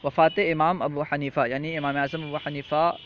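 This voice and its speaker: A man's voice: a little high, flat delivery, a little hiss or hum. Patient male teacher, dull lo-fi sound. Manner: patient, repetitive, checks in with "theek hai?". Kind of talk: classroom lesson, reciting and explaining.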